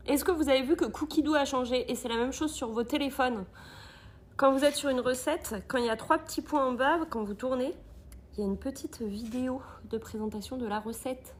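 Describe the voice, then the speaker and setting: A woman with a bright, high voice hosts a live cooking stream and chats easily with her viewers. She greets them again and again and reads their comments aloud as she cooks, with a faint hum of room noise behind her. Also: brisk. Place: Thermomix agency kitchen.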